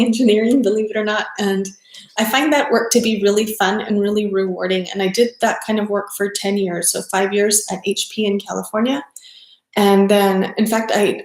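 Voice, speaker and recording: A middle-aged yoga teacher from South Texas talks casually on a livestream in her mid-range voice. She's chatty and rambling, full of ums and self-corrections, and the room she's in is echoey.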